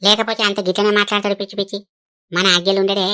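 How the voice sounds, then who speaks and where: A woman voicing a suspicious, scolding grandmother with a Telangana accent, loud and prying. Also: medium pitch, level tone, very fast, pitched below the performer's own voice, natural voice. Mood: bossy.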